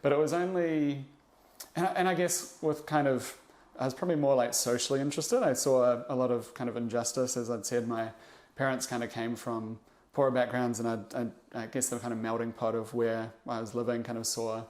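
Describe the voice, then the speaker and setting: Guesting on a laid-back podcast, a young New Zealand investor talks through his past, pausing often and restarting sentences with plenty of fillers as he reflects at an unhurried pace. His ordinary mid-range male voice has a darkish tone and little pitch movement.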